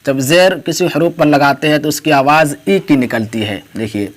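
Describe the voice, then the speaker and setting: A man leads an online reading class. His voice sits a little high for a man, and he recites letters and their sounds one by one in a patient, measured way. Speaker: Urdu teacher.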